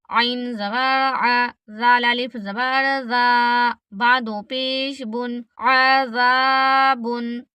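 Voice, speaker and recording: Female Quran teacher, fairly high and level, slow letter-by-letter spelling, dry close recording. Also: bright, forceful tone, clear, resonant tone, dry recording. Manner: spells each letter with its vowel mark, then blends the word; explains reading rules quickly between recitations. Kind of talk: slow letter-by-letter recitation lesson.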